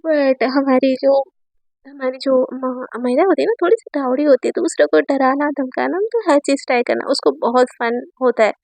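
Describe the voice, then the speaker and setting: A woman's voice: sits high, moderate pace, a little mellow, dry recording. A young woman narrating a story in a chatty, rambling way, with frequent restarts.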